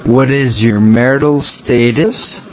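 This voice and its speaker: Guy asking drill questions real slow, bit of background noise. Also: mid-range voice. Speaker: practice dialogue questioner. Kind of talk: scripted language-drill questions.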